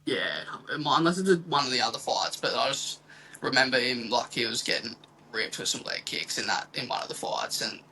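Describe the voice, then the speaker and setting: A man's voice: mid-range voice, lively intonation, brisk, creaky, pushed and bright, a little hiss or hum, poor audio. A young man with an Australian accent chatting casually about sport in a slangy, loosely rambling way. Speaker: fight prediction podcast co-host.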